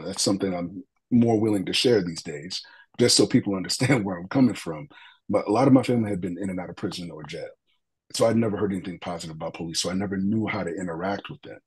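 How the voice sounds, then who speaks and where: A man with a deep, husky, slightly mellow voice appears as an interview guest, telling an earnest, reflective story full of fillers and restarts. The audio quality is poor.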